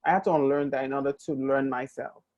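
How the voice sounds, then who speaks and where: A woman's voice: a bass voice, fairly even intonation, quick pace, a little mellow, no room sound, dull audio. A woman from Nigeria hosting a conversational interview, asking questions in a friendly, curious way with many ums. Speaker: host.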